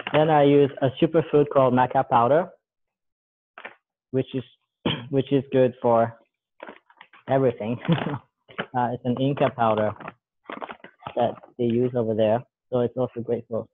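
This guest, a man in his thirties, speaks at a medium pitch, a little slowly, pausing often, with a bit of hiss or hum on the line. He casually rambles through a recipe in a relaxed cooking demo, self-correcting as he works with his hands. He's in a big, bare indoor room with a counter, heard through thin call-quality audio.

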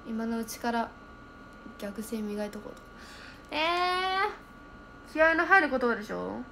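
A young woman chatting casually on a livestream, reading viewer comments aloud and thinking out loud as she reacts. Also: on the high side, expressive, a little slow, vocal fry, slight background noise.

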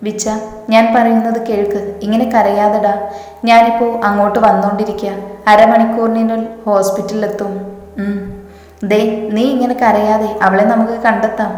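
A woman reading a man's lines, comforting a grieving friend in a firm, steady way. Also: sits high, close to an everyday voice. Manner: firm, reassuring. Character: worried older brother comforting a friend. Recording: echoey reverberant room.

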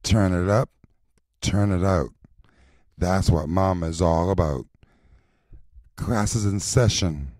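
A man's voice: low voice, slow, pauses often, darkish tone, dry recording, clean studio sound, voice pushed down. A man playing a sassy drag mother. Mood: sassy chant. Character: sassy, confident drag mother teaching a class. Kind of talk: recorded voice lines.

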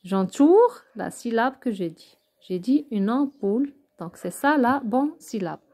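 Patient woman teacher, slightly high pitch, slow measured delivery, syllable by syllable for small children. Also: very animated, warm tone. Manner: patient, spells out syllables one by one, often checks with "d'accord?". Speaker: primary school teacher. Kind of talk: slow, step-by-step remote lesson for young children.

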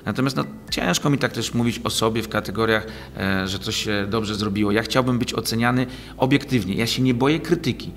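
A man's voice: medium pitch, a little fast, fairly bright tone, a little hiss or hum. A man in his forties, a guest in an interview, answering at length with many fillers and restarts, recorded on a desk mic in a small office studio. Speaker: league president, guest. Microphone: desk mic on boom arm.

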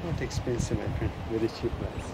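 A man's voice: on the low side, steady tone, brisk, gravelly, background noise. A man, a shopkeeper coaxing customers in broken English and repeating his phrases, recorded on a handheld camera in a small shop. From Pakistan. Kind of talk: sales talk with customers. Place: small textile shop indoors.

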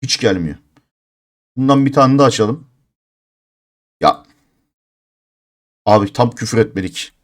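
A man's voice: medium pitch, a little slow, pauses often. A man in his thirties streaming a mobile game live, talking casually and growing exasperated and cursing as he goes. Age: 30s. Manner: frustrated, exasperated, swearing in bursts.

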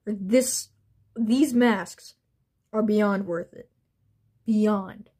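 Young female collector-vlogger, gushing and breathless, restarts sentences, slow and mellow delivery. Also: mid-range voice, breathy edge. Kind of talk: excited unboxing vlog.

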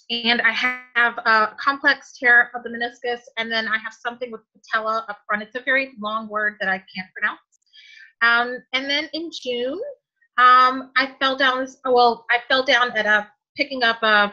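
A woman's voice: on the high side, sharp tone, muffled recording. A woman in her forties telling a personal story, emotional and hesitant, with many ums and restarts. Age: 40s. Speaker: guest sharing a testimonial. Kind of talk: personal story told on a call.

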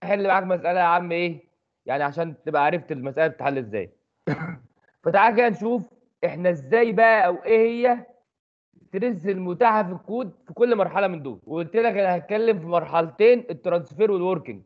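Fast-talking Egyptian man explaining. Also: high voice, muffled recording. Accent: Egyptian Arabic. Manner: quick, chatty explaining with rhetorical questions. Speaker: engineering tutor. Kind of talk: recorded section lecture.

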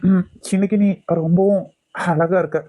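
A woman voicing a gentle, caring young man in a cartoon love story, talking in a soft, teasing and reassuring way. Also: lowish voice, fairly even intonation, moderate pace, natural voice. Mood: tender teasing. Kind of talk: cartoon voice acting.

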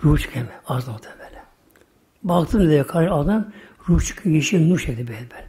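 Older guy preacher telling a story, kinda high voice but mellow, folksy, lots of hushed bits. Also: expressive, fast talker. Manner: folksy storyteller, repeats "böyle" often, drops to hushed asides. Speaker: religious teacher. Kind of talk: sermon storytelling.

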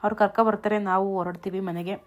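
Fast-talking village woman vlogger. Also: medium pitch, little pitch movement. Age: adult with children. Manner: chatty, running commentary on family chores. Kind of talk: casual vlog narration. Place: outdoors at a farm.

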